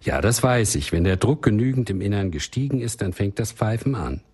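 A man reading out the lines of a shy, reserved wife in a spoken story, with a deep husky voice. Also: lively intonation, brisk. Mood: worried. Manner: quiet and timid. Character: shy, reserved young wife, worried and timid.

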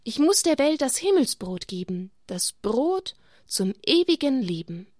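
A woman voicing Jesus as a calm, solemn male teacher in a children's Bible story, speaking in a measured way. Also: sits high, dry recording, clean studio sound, voice pushed up, exaggerated voice.

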